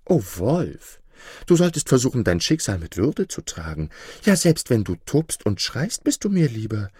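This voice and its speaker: A man telling a fable aloud, his pitch moving widely as he voices a sharp-tongued fox. His voice is slightly husky, recorded close and dry. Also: normal speed, no echo. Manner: lively storyteller voicing a clever sly fox. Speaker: narrator. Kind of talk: storytelling narration.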